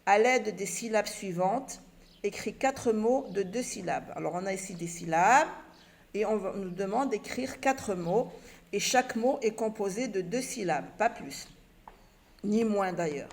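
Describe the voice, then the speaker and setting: Slow, gravelly woman teacher. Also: mid-range voice, animated. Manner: patient, sounds out syllables and letters one by one; asks and answers her own questions. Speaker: primary school teacher. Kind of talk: children's reading lesson.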